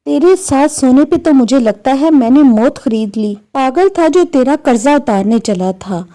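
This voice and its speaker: Storybook figure: irritable grown son, done by a woman narrator, complaining tone, higher pitch. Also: expressive, unhurried, mellow. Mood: irritated. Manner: complaining, snapping at his mother.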